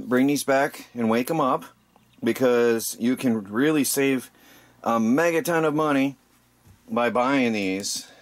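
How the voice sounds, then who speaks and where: A man talks through a project at his workshop bench in a casual, explanatory way. He pauses with ums and restarts his sentences as he goes. His voice sits in a medium pitch. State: tired. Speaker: DIY channel host. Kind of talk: casual how-to vlog. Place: indoor workshop bench by a window.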